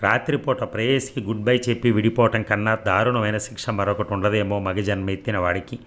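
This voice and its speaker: A man's voice: fairly low pitch, steady tone, fairly quick, fairly bright tone, natural voice. A man reading aloud as a confident, boastful young lover in a storybook, speaking with insistence. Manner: insistent, self-assured.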